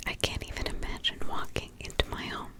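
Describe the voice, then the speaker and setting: A mother whispers right up against the mic, retelling a crime story in a soft, emotional voice. She is a true crime ASMR storyteller, and her delivery is halting, full of restarts and pauses.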